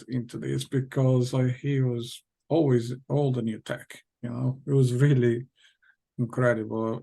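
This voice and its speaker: Gravelly man with a Portuguese accent. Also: mid-range voice, mellow. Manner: hesitant, many fillers and restarts, laughs often. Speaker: guest, tech company founder. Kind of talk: casual interview talk.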